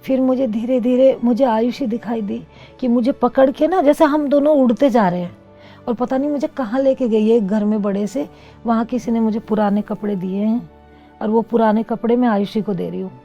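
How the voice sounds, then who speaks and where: A middle-aged woman appears as an interview guest, giving personal testimony in a gravelly, dark-toned voice that sits a little high. She speaks earnestly and reflectively about her own experiences, with soft music faintly underneath in a slightly dull recording.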